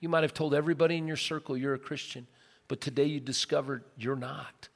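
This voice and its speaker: A middle-aged man, a pastor, preaching a casual, earnest sermon and telling stories, now and then breaking into loud bursts. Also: fairly high pitch, fairly even intonation, fast talker, gravelly. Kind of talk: conversational sermon. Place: large church auditorium. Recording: long hall reverb from a big sanctuary.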